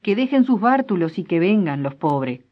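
Lady doing a gruff bossy old ranch boss, hoarse, barks orders, muffled sound. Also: lowish voice, big pitch swings. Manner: shouting orders, hoarse and slow. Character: gruff bossy older rural patron, hoarse and commanding. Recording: dull lo-fi recording.

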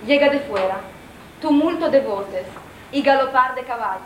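A woman's voice: high-pitched, expressive, normal speed, soft background music. A woman reading scripted stage directions as the narrator of a theatrical drama. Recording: echoey room with clear noise.

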